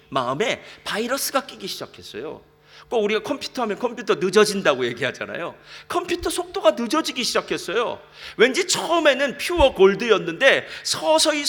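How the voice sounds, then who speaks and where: A man preaching a sermon as a pastor, talking lively and conversational, often asking the congregation questions. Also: very high-pitched. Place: church sanctuary. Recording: reverberant church hall.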